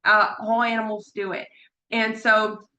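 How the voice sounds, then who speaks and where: A woman's voice: mid-range voice, little pitch movement, a little slow, bright, forceful tone, a little hiss or hum. A woman who is a parrot behavior consultant, giving a chatty online lecture from a room at home with her birds, repeating words for emphasis and laughing now and then. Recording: echoey room.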